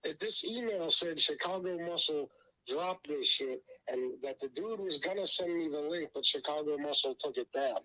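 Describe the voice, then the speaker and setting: A middle-aged man calls in over a speakerphone for a casual chat, his mouth numb from the dentist, and he is blunt, profane, and repeats himself. His fairly high-pitched voice sounds pushed and bright at a moderate pace, and the recording is rough.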